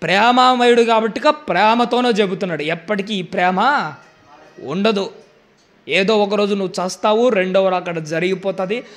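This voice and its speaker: Preacher, male, very high voice, forceful sermon style with rhetorical questions. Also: normal speed. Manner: emphatic, asks the listeners rhetorical questions.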